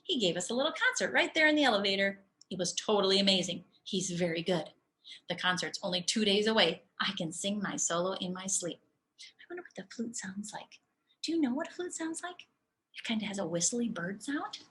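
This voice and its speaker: A woman teacher reads a children's storybook aloud, addressing young listeners in an animated, demonstrative and expressive way. Her voice is mid-range and brisk.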